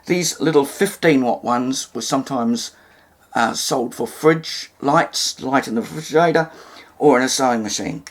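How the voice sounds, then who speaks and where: A man with a mid-range voice speaks at a moderate pace. He's a hobbyist presenter giving an informal, hands-on demonstration of radio repair, explaining each step in a somewhat hesitant way.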